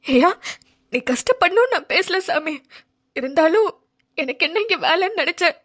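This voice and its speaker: A woman voicing a gentle, self-effacing old village grandmother in a dramatic cartoon. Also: very high voice, animated, normal speed. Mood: tender. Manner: soothing, calls others "dear" and "my lord".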